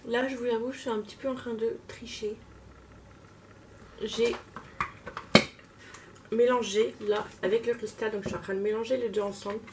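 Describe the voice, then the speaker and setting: Woman beauty vlogger, self-mocking and relaxed, casual tutorial talk; distant mic, noisy room. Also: on the high side, moderate pace, long pauses. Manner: chatty, self-mocking, talks while working. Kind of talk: casual makeup tutorial chat. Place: home, at a makeup table.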